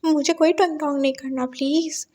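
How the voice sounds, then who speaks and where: A woman's voice: sits high, steady tone, normal speed, warm tone, close to an everyday voice. Woman voicing a flustered young man.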